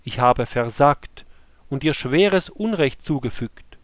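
A man's voice: medium pitch, expressive, slow pace, no echo. A man doing a remorseful old king. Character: older king, remorseful and pleading. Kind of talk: scripture storytelling.

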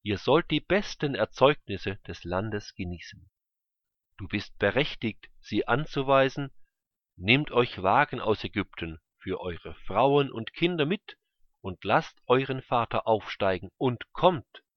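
A man's voice: fairly low pitch, lively intonation, measured pace, no echo. A man reading a generous commanding pharaoh. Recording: dull lo-fi recording.

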